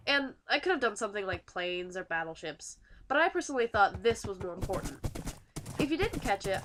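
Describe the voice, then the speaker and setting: A woman's voice: fairly high pitch, a bit bright. A teenage girl with a nasal, stuffy voice, narrating a school project video in a chatty, self-deprecating way. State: stuffy nose from a winter cold. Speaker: student YouTuber.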